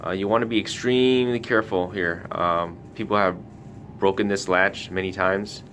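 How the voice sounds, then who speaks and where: Hosting a casual hands-on product tutorial for a retailer, a man gives careful step-by-step instructions. His intonation is fairly even, his speed normal, and his tone fairly bright. Noticeable background noise with a low rumble runs through the recording.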